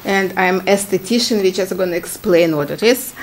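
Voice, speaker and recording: A middle-aged woman with a Ukrainian accent speaks at a town meeting microphone. She talks in a chatty, halting way, with plenty of fillers and easy laughter, over a faint background hiss. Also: medium pitch. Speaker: applicant at a public hearing. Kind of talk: informal testimony at a town meeting. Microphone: standing microphone.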